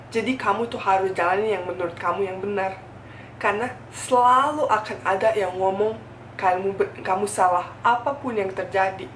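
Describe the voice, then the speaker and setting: A foreign woman from Bosnia, speaking colloquial Indonesian as an in a candid, earnest, emphatic talk to camera, often repeating phrases. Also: medium pitch. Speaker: food YouTuber. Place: indoors at home. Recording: echoey room, distant mic, faint noise.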